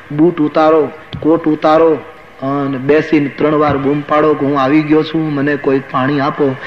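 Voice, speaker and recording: A man preaching a sermon to a gathering, telling it like a story and acting out the people in it. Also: fairly high pitch. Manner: storytelling with quoted asides. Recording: dull lo-fi recording with faint hiss.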